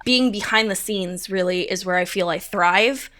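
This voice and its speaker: A young woman who works as a stage manager chats through an interview, easygoing and upbeat, sprinkling her speech with casual fillers. Her bright, forward voice sits at a middle pitch and moves at a moderate pace.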